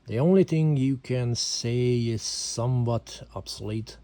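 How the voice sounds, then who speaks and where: This amateur gun reviewer from Hungary, not a native English speaker, hesitantly walks through a handgun in a casual home video, his Hungarian accent audible and his speech full of fillers. His medium-pitched voice is dark and measured, and the recording is dry.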